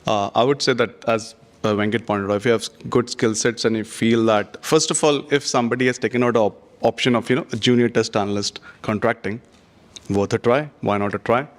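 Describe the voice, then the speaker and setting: A man's voice: mid-range voice, steady tone, a little fast. A man speaking on a conference panel, giving earnest, advice-heavy answers with frequent "you know" and "having said that". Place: conference stage.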